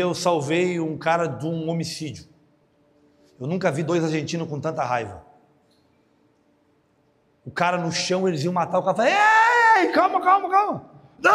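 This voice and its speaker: A male pastor preaching a lively sermon, joking and acting out the voices of people in his stories. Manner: animated, jokey, acts out other voices with big pitch jumps. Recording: long hall reverb.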